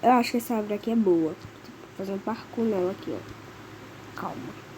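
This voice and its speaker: Speaking briskly at medium pitch with background noise behind her, a Brazilian woman gamer gives let's play commentary on her own game. Her Brazilian Portuguese accent comes through as she chatters nervously and keeps addressing her viewers.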